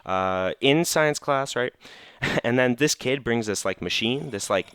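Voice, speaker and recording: A man's voice: mid-range voice, expressive, a little slow, fairly bright tone, clean tone, no room sound, studio quality. A teenage boy rambling through funny school stories, full of fillers, while commenting on a game. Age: teens. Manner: rambling, filler-heavy, laughing storyteller. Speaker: gaming channel host. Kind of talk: casual gameplay commentary storytelling.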